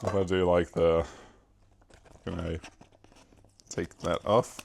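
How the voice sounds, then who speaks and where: A young British man chats to his camera in a loose, rambling vlog. He is self-mocking and swears casually, and his voice sits slightly low. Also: flat delivery, takes it slowly, creaky, slight background noise. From Britain. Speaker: YouTuber.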